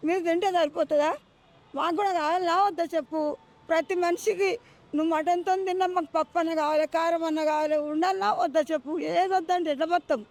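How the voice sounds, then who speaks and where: Woman in her seventies, Telangana accent, very high-pitched, fast, insistent, pleading. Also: fairly even intonation, darkish tone. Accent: Telangana Telugu. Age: 70s. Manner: pleading, insistent, repeatedly demanding answers. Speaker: resident being interviewed. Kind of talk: street interview.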